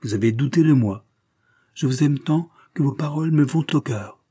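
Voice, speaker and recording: A man's voice: a little high, moderate pace, warm tone, breathy edge, voice pushed up. A man voicing an earnest young farmer. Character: earnest young countryman, steady and sincere.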